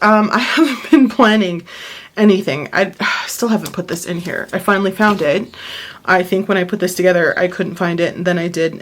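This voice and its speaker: Woman, planner vlogger, short of breath, tired, rambling, apologetic, casual chat, at home. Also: mid-range voice. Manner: rambling, apologetic, easily sidetracked. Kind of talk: casual chatty vlog.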